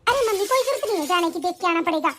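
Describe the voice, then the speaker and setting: A woman voices a spoiled young sister-in-law in an animated family drama. She talks in a demanding, whiny way, and her voice is pitched very high, close to a child's. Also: very fast, slight background noise. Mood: complaining. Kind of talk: animated story voice acting.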